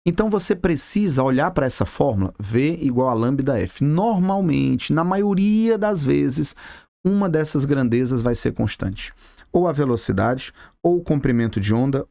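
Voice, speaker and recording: A man's voice: fairly high pitch, vocal fry, darkish tone, no room sound, studio quality. A Brazilian man teaching a physics video lesson, chatty and talking straight to the viewer with casual slang. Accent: Brazilian Portuguese. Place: classroom with a board.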